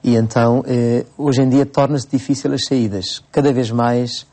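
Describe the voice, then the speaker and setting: A Cape Verdean priest in his forties answering interview questions at an unhurried pace, with frequent hesitations and restarts. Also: mid-range voice, flat delivery, mellow. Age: 40s. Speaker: priest, bishop-elect.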